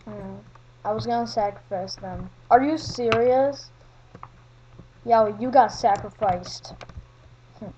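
High-voiced woman playing a video game. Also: slow pace, long pauses, highs cut off, slight background noise. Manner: chatty, talks to other players, swings from mumbled asides to excited yelling. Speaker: gaming commentator. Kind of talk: solo Minecraft gameplay commentary.

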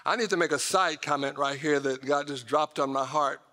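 In a large church auditorium, a middle-aged American pastor preaches from the stage indoors, using a sharp voice pitched on the high side at a moderate pace. He addresses the congregation directly, emphatic and conversational, with folksy asides thrown in, and the hall's reverberation is clearly audible.

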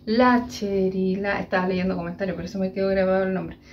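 A woman's voice: medium pitch, little pitch movement, very fast, muffled recording, slight background noise. A Chilean woman chatting casually to her viewers in a home cooking vlog from her kitchen. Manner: chatty, addresses viewers directly and often. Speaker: vlogger.

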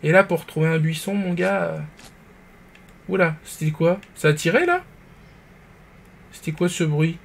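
A man streaming a game live, talking to himself, jumping between hushed nervous murmurs and loud excited outbursts. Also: a little high, unhurried, creaky, pauses often. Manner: jittery, talks to himself, whispers when nervous. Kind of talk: live gameplay commentary.

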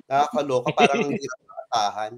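A man in casual panel banter, campy and teasing, breaking into loud laughs. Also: mid-range voice, fast, over a noisy crowd.

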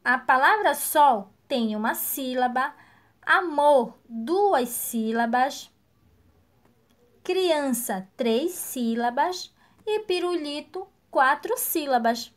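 A woman teaching a recorded lesson to young children, slow and encouraging, praising each answer. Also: high voice, animated. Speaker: primary school teacher.

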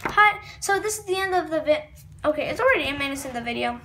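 A child hosts a read-aloud video of a comic book, speaking fast in a high, animated, bright and forceful voice. The kid stumbles over words and drifts into asides, in a noisy home recording with audible room ambience.

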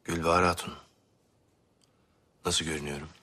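A man's voice: very deep voice, flat delivery, normal speed, exaggerated voice. A middle-aged man acting as a proud, brooding Ottoman pasha in a period drama. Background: loud music.

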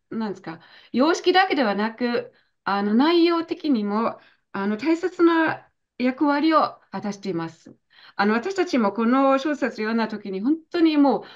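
A woman's voice: on the high side, muffled recording. A woman working as interpreter in an online talk, speaking hesitantly with many fillers, over a video call.

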